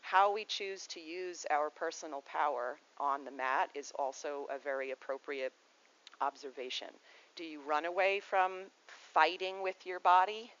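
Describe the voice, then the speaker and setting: A woman's voice: low voice, fairly even intonation, measured pace, fairly bright tone, lo-fi sound. A woman yoga teacher giving a casual spoken lesson, rambling and digressive, often restarting her sentences.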